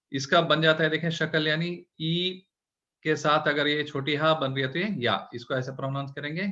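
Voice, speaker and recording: A male teacher walks beginners through letter shapes, patient and methodical. His voice is bright and forward. The recording sounds dull and lo-fi. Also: fairly high pitch. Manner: patient, explaining step by step, opening with prayers. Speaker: Urdu teacher. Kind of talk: online language lesson.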